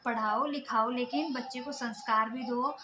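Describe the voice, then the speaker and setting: A woman's voice: on the high side, fairly even intonation, normal speed, background noise. A woman in her thirties from Himachal Pradesh with a Himachali Hindi accent, talking earnestly to camera in a home vlog and lecturing with many fillers. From Himachal Pradesh, India. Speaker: vlogger. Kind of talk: casual talk to camera. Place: home room, indoors, children asleep nearby. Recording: roomy echoey home recording.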